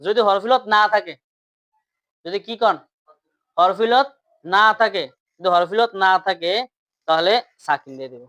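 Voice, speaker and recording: A man's voice: high-pitched, moderate pace, pauses often, bright, forceful tone, no room sound. A man teaching grammar in class, repeating points and quizzing his students questions.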